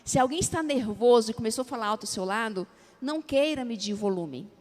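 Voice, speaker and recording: Brazilian lady preacher, high voice, big reverby church hall, gets the crowd repeating after her. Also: fast talker. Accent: Brazilian Portuguese. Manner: engages the congregation with call-and-response; lively, acts out everyday dialogue. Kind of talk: sermon. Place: church sanctuary.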